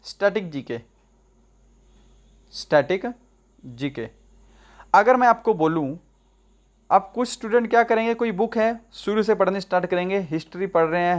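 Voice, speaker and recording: A young man teaching a study-strategy lesson, talking directly to viewers and often checking in with rhetorical questions. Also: high voice. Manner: direct, coaxing, addresses viewers as brother. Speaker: exam prep teacher.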